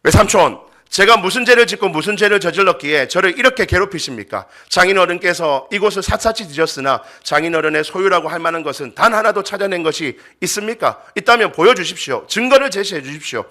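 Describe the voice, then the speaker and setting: A wronged herdsman pours out a loud, indignant tirade with no pause, his pitch pushed up high, as a preacher acts him out. The voice is bright and forceful, each complaint rising over the last. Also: expressive. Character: furious wronged middle-aged herdsman ranting at his father-in-law.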